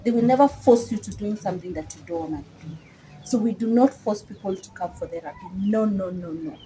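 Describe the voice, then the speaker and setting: A woman's voice: mid-range voice, fairly quick, mellow, slight background noise, low-quality recording. Kenyan-accented woman, birdsong behind. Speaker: psychologist guest. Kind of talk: casual explanatory chat.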